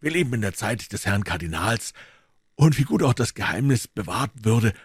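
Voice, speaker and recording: A man's voice: lowish voice, very animated, normal speed, breathy edge, no room sound, clean studio sound, voice pushed up. A man reading aloud, voicing a gracious, noble male musketeer with a dignified manner.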